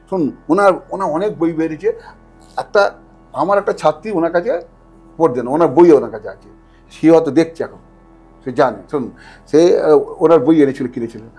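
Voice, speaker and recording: A man who is an astrologer, a podcast guest telling stories in a casual, animated way, acting out other people's lines and urging the listener to imagine. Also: a little high, husky. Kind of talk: casual storytelling in conversation. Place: podcast studio.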